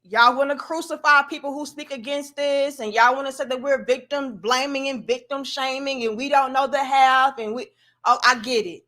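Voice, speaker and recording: A woman hosts a casual, opinionated livestream, delivering skeptical, sarcastic exposé-style commentary, mimicking opposing views, and addressing her viewers colloquially. Her delivery is emphatic and punchy, full of rhetorical questions, in a high, pushed, bright voice with fairly even intonation at normal speed.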